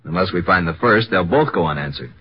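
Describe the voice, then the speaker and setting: An actor playing a brash, earnest detective's assistant in an old radio mystery drama. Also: male voice, deep voice, expressive, fast. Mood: earnest, probing. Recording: dull old radio recording.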